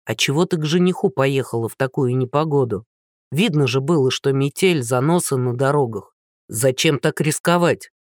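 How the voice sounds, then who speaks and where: A narrator voicing a blunt, unflappable small-town army captain who speaks plainly. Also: male voice, mid-range voice, normal speed, no room sound, studio quality, natural voice. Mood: puzzled.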